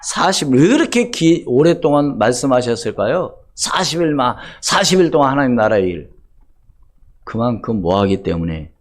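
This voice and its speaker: An older man preaching a Sunday sermon as pastor, asking the congregation rhetorical questions and swinging between loud emphasis and hushed asides. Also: medium pitch, very animated, moderate pace. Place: church sanctuary.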